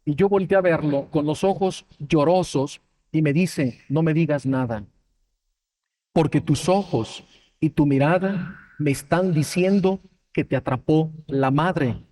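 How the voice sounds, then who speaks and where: With a slightly high, dark voice and a somewhat slow delivery, a Bible teacher from Mexico tells his testimony during a sermon. He storytells emotionally, playing out the dialogue himself.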